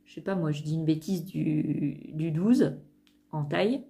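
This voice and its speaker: A woman's voice: deep voice, a little slow, warm tone. A woman vlogger talking casually to camera about sewing patterns, hesitant, with many fillers and restarts.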